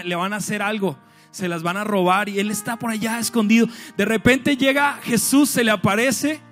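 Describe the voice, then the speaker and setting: A male pastor preaching a lively sermon to a large church congregation, with bursts of shouting and acted-out scenes. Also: sits high. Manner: animated preaching, shouts and acts out scenes with humor.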